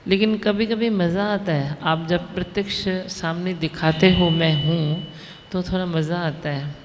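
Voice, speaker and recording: A woman, a spiritual teacher telling a devotional story to an audience in a large hall, unhurried and vivid. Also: fairly low pitch, darkish tone. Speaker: spiritual teacher leading a satsang. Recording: long reverb of a hall.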